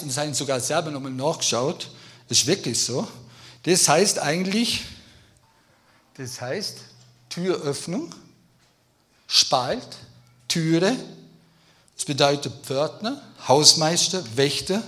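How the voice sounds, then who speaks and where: A man preaching a sermon in a lively, emphatic way, speaking straight to his congregation. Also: on the high side. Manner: lively, emphatic, addresses listeners directly.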